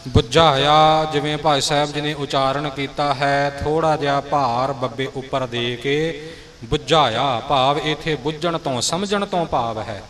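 A man's voice: fairly high pitch, moderate pace, a bit bright, long reverb tail, a little hiss or hum. A man teaching correct pronunciation of scripture, patiently correcting a reciter. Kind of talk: pronunciation instruction.

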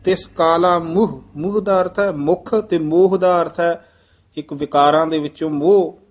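A man teaching scripture recitation, correcting pronunciation and pauses, then modelling the lines slowly. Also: on the high side, steady tone, a little mellow.

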